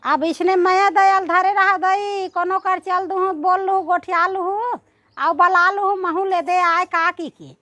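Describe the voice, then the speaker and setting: A woman with a Chhattisgarhi accent talks homely and warmly to her followers, going over the same points again and again. Her voice sits very high and sounds bright and sharp. The recording is dry and close, with no room sound. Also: steady tone, a little slow, no room sound. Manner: homely, affectionate, repeating herself. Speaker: vlogger. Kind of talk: casual chat to followers.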